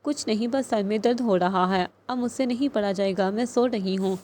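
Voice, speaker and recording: A woman reading the lines of a gentle, sad young orphan who speaks softly, in an audiobook. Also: mid-range voice, slight background noise, lightly acted. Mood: quiet. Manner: soft, quiet.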